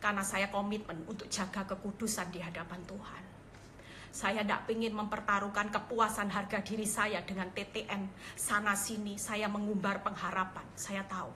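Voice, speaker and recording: A middle-aged woman evangelist, preaching a sermon over a phone livestream, moving from hushed earnest passages to loud exclaiming ones. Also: medium pitch, little pitch movement, normal speed, a little hiss or hum. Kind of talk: sermon over live social video.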